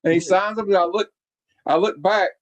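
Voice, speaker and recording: A man's voice: sits high, steady tone, moderate pace. A man in his late forties hosting a casual chat, reminiscing at length with lots of fillers. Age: 40s. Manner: rambling, reminiscing with many fillers. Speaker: podcast host.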